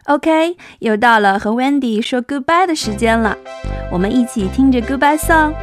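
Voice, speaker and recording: Soft music plays behind this animated, fairly high-pitched young woman as she leads a children's English lesson. She encourages the little ones warmly, stretching every sound out so they can hear it clearly.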